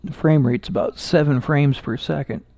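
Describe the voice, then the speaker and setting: Gravelly-voiced man chatting on a live stream. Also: a little high, no echo. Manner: relaxed, halting, with many fillers and restarts. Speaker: amateur astronomer streaming live. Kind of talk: casual live-stream chat with viewers. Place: indoors at home.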